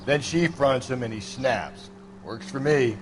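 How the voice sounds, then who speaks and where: A man playing a gruff, cynical 1940s detective. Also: medium pitch, a little slow, noisy background, close to an everyday voice. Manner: blunt, profane and world-weary. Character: gruff cynical middle-aged male police detective. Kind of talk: 1940s crime game dialogue.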